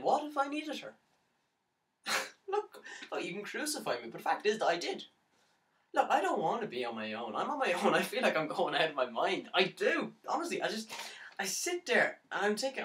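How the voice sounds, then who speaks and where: Recorded far from the mic in a roomy space, this audition monologue has a man playing a lovesick young man on the edge of mania, pleading his case in despair. His mid-range, sharp voice stammers and stops, with nervous laughter giving way to anguished outbursts.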